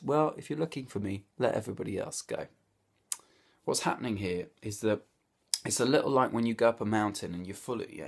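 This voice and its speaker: A man leads a devotional Bible talk in a fairly low voice. He tells the passage like a story, building vivid what-if scenes and letting his delivery swell and settle as he goes. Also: vocal fry, slightly rough. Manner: storytelling, animated, with vivid hypotheticals. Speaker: Bible teacher.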